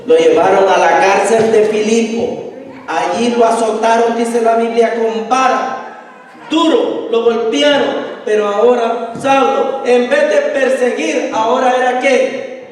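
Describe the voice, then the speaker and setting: A man's voice: extremely high pitch, fairly even intonation, unhurried. A man preaching a sermon in a church, often asking the congregation to finish his sentences and acting out scripture dialogue. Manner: call-and-response questions to the congregation. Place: church sanctuary. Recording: echoey hall, distant mic.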